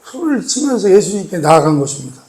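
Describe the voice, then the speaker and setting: A male pastor with a notably high voice preaches fast, with big pitch swings. He puts rhetorical questions to the congregation and repeats key words for weight, rising to emphatic lines and then dropping to a soft, pleading hush.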